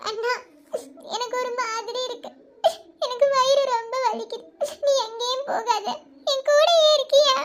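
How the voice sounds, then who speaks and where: Woman doing a young cartoon bride, very high voice, sobbing, pleading, clingy. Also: moderate pace, heavy background noise. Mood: tearful, pleading.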